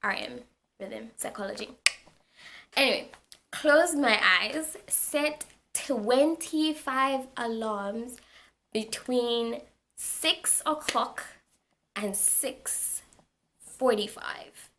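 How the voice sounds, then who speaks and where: Lively young woman telling a story. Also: a little high, extremely slow, pauses often, a little hiss or hum. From Zambia. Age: young adult. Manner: animated, repeats words for emphasis. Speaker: university student vlogger. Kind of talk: casual storytelling to camera.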